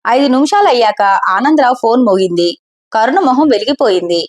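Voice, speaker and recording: A woman storyteller narrating a scripted family story at a steady pace. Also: fairly high pitch, brisk.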